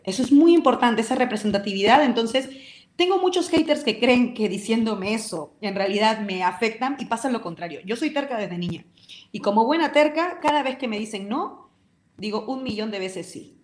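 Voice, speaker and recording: A woman's voice: a little high, reverberant. A woman with a Peruvian accent, speaking with passion and vehemence as a guest in a radio interview. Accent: Peruvian Spanish. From Peru.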